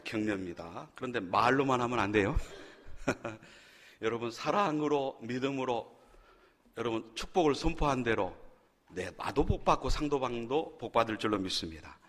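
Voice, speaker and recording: A male pastor preaches and guides his congregation through call-and-response lines, breaking the mood with small jokes. His voice sits at a middle pitch. A long reverb from the church hall trails every phrase. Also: lively intonation, moderate pace, pauses often, fairly bright tone. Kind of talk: sermon with congregation exercises. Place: church sanctuary.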